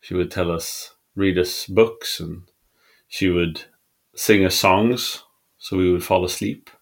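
A middle-aged father co-hosting a casual family podcast, gently asking his daughter questions with many restarts. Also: low-pitched, steady tone, takes it slowly, vocal fry. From Mexican background.

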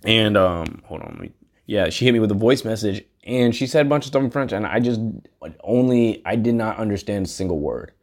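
Male podcast host, slightly low voice, earnest and loose, rambles and cusses. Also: lively intonation, fairly quick. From United States. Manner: earnest, rambling, swears casually. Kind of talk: casual solo monologue.

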